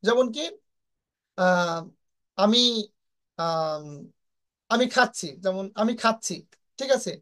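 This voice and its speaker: A woman's voice: medium pitch, animated, slow pace, long pauses. A woman teaches an online English lesson. She walks through each point step by step, asking rhetorical questions and checking in with her listeners as she goes. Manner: explains step by step, asks rhetorical questions, frequent "হ্যাঁ?" checks.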